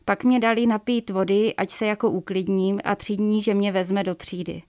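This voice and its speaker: A woman author reading her own novella aloud in a measured, even way, with a few small slips, in a radio studio. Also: mid-range voice, no room sound. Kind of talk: reading literary prose aloud.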